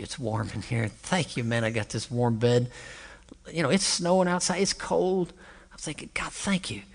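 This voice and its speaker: Animated man preaching in a reverberant hall. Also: a little high. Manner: animated, conversational, with asides to the audience. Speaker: pastor. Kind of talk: storytelling sermon.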